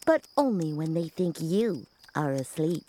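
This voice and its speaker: A woman voicing a literal-minded female robot babysitter who speaks in stiff, programmed phrases and switches to a gentle voice to read a bedtime story. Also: deep voice, very animated, unhurried, background noise. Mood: soothing storytelling. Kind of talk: reading a bedtime story aloud.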